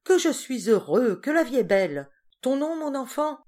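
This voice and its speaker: A woman reads out a poor, shabby little man who has come into a fortune and is drunk on it, loudly proclaiming brotherhood and love to everyone in a café. The voice is raised, exalted and gushing, with a sing-song lift. This is a storybook figure in a read novel. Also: sits high, big pitch swings, normal speed, pitched above the performer's own voice. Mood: exultant, effusive. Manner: loud, exalted declaiming.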